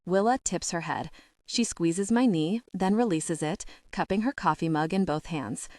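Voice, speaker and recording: A woman narrating a first-person romance audiobook in an expressive storytelling manner. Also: on the low side, normal speed, no echo, clean studio sound.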